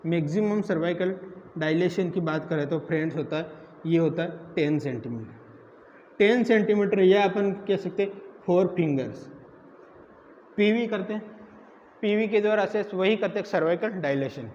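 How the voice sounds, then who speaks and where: A man's voice: high-pitched, expressive, moderate pace, a little mellow. A man teaching a nursing exam class, who keeps asking the students questions and answering them himself. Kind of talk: classroom lecture. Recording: echoey room, dull lo-fi sound, faint noise.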